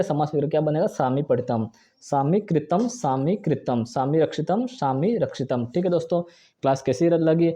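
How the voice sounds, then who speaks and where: A man teaching a Sanskrit grammar lesson, talking fast, repeating each example and asking and answering his own questions. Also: fairly high pitch, mellow. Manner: fast, brisk delivery. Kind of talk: exam-prep grammar lesson.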